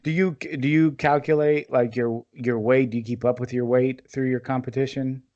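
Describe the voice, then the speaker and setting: A man's voice: mid-range voice, steady tone, moderate pace, darkish tone, lo-fi sound. A man hosting a podcast, asking questions casually and hesitantly, often repeating words. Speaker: podcast host.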